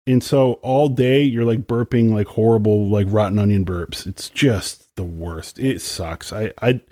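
A man co-hosting a podcast, a musician chatting casually and complaining with drawn-out emphasis. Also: on the low side, warm tone, dry recording, clean studio sound. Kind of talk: casual chat.

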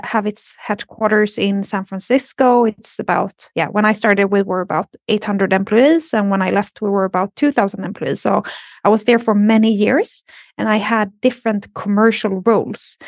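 A woman from Sweden speaking English with a Swedish accent as a podcast guest, explaining in a measured way with soft fillers. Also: mid-range voice, no echo, studio quality. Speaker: guest, marketing executive. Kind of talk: podcast interview.

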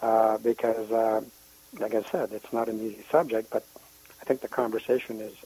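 A man from Canada speaks as a radio guest with a husky voice. He talks hesitantly, full of small pauses and restarts. His delivery is thoughtful and unhurried. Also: on the low side, flat delivery, dark tone, rough recording. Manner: hesitant, many uhs and restarts. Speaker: guest commentator. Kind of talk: casual radio interview.

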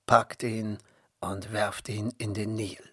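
A man's voice: lowish voice, level tone, slow, husky, no room sound, clean studio sound. A man reading the lines of a cruel Egyptian king giving stern orders. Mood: commanding.

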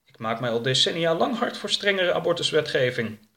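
A man's voice: a little high, lively intonation, brisk, creaky, bright, forceful tone, pitched above the performer's own voice, heavily acted. A man voicing a self-assured older male politician in a storybook reading, earnest and self-satisfied.

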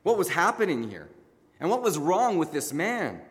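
A male pastor preaches a narrative sermon, building drama with deliberate pauses. His voice sits a little high. A long reverb trails each phrase through the large church room. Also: wildly swooping pitch. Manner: dramatic retelling with emphatic pauses. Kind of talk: sermon storytelling.

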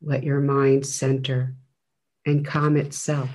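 A man guides a meditation at a very slow pace. His delivery is gentle and flat in pitch, with a medium register. Long, measured pauses separate his phrases. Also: slight background noise. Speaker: meditation teacher.

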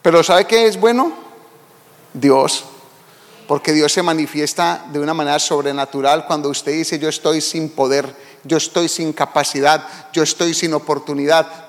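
A man's voice: a little high, in a large hall. A pastor preaching a sermon, emphatic and calling out to his congregation.

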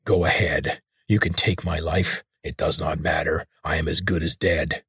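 Weary maimed mutant, gravelly rasp, half-whispered; a man plays him. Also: rumbling low, steady tone, moderate pace, a bit bright, dry recording, clean studio sound, pitched below the performer's own voice, exaggerated voice. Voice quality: hoarse, rasping. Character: maimed mutant male leader, weary, rasping.

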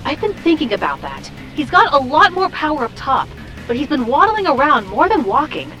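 A practical cartoon superhero sidekick with a high, bright voice. She talks in a wry, conversational way and is easily baffled, with faint music behind her. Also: sing-song, a little fast, heavily acted. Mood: focused. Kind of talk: animated comedy voice acting.

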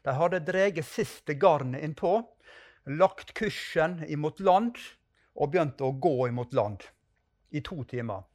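Fervent man preaching, slightly high. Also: expressive, a little mellow. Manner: fervent, emphatic prayer. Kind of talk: testimony and prayer in a sermon.

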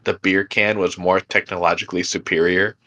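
Low-pitched and a little fast, the young man's bright, forceful voice stays flat in delivery as he co-hosts a beer podcast. His casual talk rambles with plenty of fillers and easy laughter.

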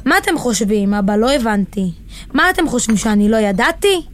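A woman's voice: fairly high pitch, lively intonation, natural voice. A woman playing an anxious young daughter. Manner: pleading, emotional.

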